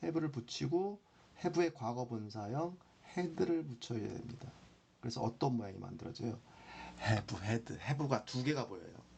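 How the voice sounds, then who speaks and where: Slow, gravelly grammar teacher. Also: male voice, medium pitch, darkish tone, a little hiss or hum. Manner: slow, repeats example sentences with long drawn-out pauses. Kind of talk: classroom grammar lesson.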